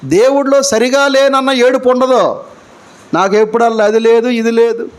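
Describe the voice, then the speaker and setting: A man preaching a live church sermon, firing rhetorical questions at the congregation and swinging between loud emphatic lines and quiet low ones. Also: steady tone, normal speed.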